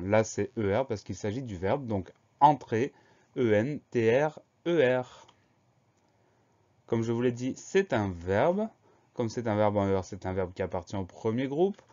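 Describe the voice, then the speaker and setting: A man teaching a spelling lesson, who explains each word slowly and spells it out letter by letter. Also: fairly low pitch, a little mellow, lo-fi sound. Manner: slow, spells words letter by letter.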